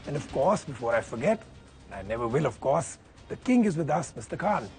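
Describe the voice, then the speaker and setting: Man, show host, hoarse, announcing over stage music. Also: a little high, big pitch swings, a little fast, a little mellow. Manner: upbeat, announcing. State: losing his voice.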